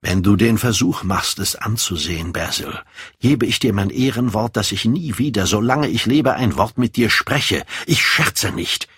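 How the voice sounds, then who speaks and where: A man's voice: sits low, moderate pace, few pauses, breathy edge, no echo, clean studio sound. A man reading an audiobook, voicing a proud, secretive and volatile young man in a raised voice. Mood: defiant.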